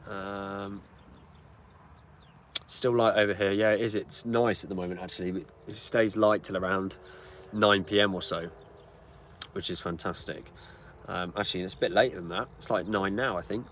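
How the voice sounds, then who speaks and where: A man's voice: lowish voice, fairly even intonation, normal speed, pauses often, a bit bright. Chatty young British man, outdoors. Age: 20s. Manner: chatty, answers viewer questions. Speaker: channel host. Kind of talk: casual live-stream Q&A. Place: outdoors beside his car. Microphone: camera on a tripod. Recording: outdoor street and engine noise. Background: car engine and outdoor ambience.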